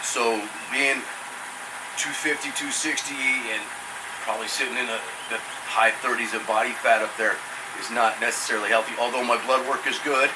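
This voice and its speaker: A man in his fifties rambles through a casual vlog while soaking in ice cold water, sounding slightly strained by the chill. His voice is mid-pitched and sits at a distance from the mic. A clear machine-like noise runs behind him. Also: normal speed. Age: 50s. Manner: rambling, chatty. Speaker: product reviewer. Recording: distant mic, loud steady machinery hum.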